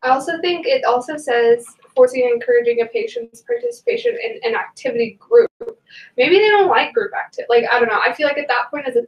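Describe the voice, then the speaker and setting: A young woman, a student, chatting in a group discussion, full of fillers and quick to laugh. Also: high-pitched, big pitch swings. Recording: echoey room, recorded from a distance.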